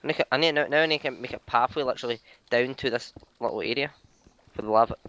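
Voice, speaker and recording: A man giving casual gameplay commentary, excitable, teasing and swearing as he plays. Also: mid-range voice, fast, no echo, muffled recording. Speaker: gamer.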